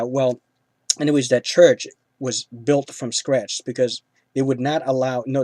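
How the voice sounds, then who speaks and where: A man's voice: medium pitch, a little mellow, dry recording. A man hosting a casual film review, rambling with lots of fillers and restarts.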